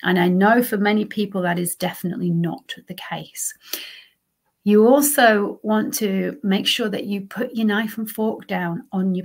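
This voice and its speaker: Her mid-range voice has a gravelly texture. Hosting a solo podcast as a lifestyle coach, she talks conversationally and emphatically, dropping in "okay" and "right" to check in.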